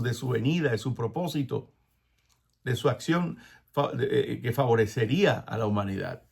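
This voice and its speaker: A male preacher delivers an animated sermon at a middle pitch. He acts out biblical dialogue, often dropping into soft, prayerful asides, and laughs now and then between phrases. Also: creaky, husky.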